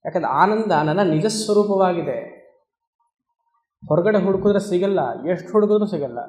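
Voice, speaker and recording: Man giving a spiritual talk, fairly high voice, chants verses slowly, roomy hall echo. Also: lively intonation, darkish tone. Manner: conversational, asks the listeners questions, chants Sanskrit verses slowly. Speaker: swami teaching Vedanta. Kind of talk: spiritual discourse. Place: discourse hall.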